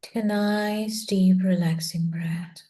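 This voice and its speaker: A woman, slowly reading a self-help book aloud and guiding a listening group through an affirmation in a soft, measured voice. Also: on the low side, steady tone. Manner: slow, soft and measured, with quiet half-whispered phrases. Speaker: book reading session leader.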